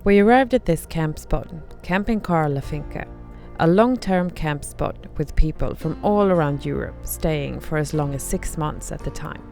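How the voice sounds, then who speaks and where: A woman reads scripted travel vlog narration. Her voice is low with plenty of vocal fry, and soft music plays underneath. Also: normal speed, few pauses. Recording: voice-over with music behind.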